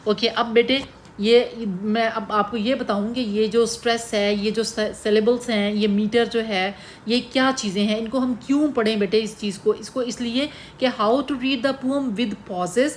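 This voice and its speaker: A woman teacher giving a lecture on poetry, explaining slowly and mixing English terms into her talk as she addresses her students. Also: on the high side, steady tone, a little hiss or hum. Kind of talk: classroom lecture.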